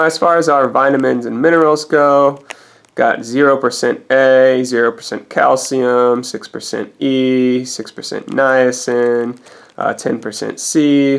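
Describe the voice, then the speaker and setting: Man, gravelly fry, mid-pitched, casual food reviewer, hesitant rambling delivery, painstakingly detailed.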